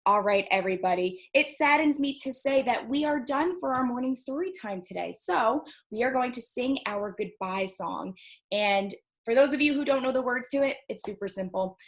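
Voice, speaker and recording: A woman hosts a children's library storytime, reading aloud and counting for young listeners in a singsong, encouraging way. Her voice is on the high side, animated and at a normal speed.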